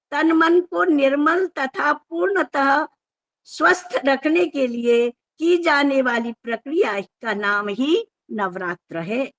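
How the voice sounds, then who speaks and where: A woman giving a formal, measured lecture on scripture, explaining step by step and sometimes restarting words. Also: high-pitched, a bit bright.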